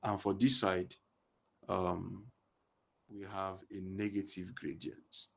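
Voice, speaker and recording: Sitting low in pitch with a level tone, this man speaks slowly, with vocal fry and a fairly bright quality. He's tutoring physics online via headset on a video call, posing leading questions and answering them for the student.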